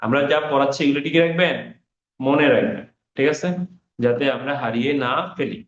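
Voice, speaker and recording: A man's voice: mid-range voice, brisk. A male teacher giving an online class lesson, who repeats key words and quizzes his students as he goes. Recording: roomy, dull online class audio.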